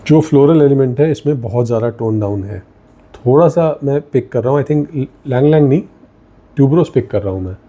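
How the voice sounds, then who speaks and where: A man's voice: medium pitch, lively intonation, fairly quick, dark tone. A young man with an Indian accent, casually reviewing perfumes and mixing Hindi with English as he thinks aloud while sniffing each one. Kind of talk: casual product review vlog.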